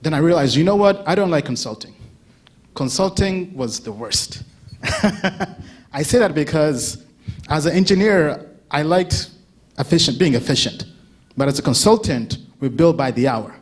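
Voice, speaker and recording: A Ugandan man in his thirties delivers an easygoing conference talk, full of audience questions, friendly chat and frequent laughter. His fairly high voice is expressive and moves at a moderate pace.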